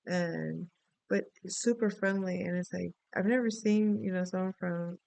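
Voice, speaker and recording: A middle-aged woman from the Dominican Republic chats her way through a rambling story during a reading. Her voice has a gravelly fry, yet it stays smooth and resonant. The sound is close and dry. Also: fairly low pitch, steady tone, measured pace, a little mellow, no room sound, rough recording. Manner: rambling, chatty storytelling with many asides. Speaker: astrology and tarot reader. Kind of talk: casual spoken reading.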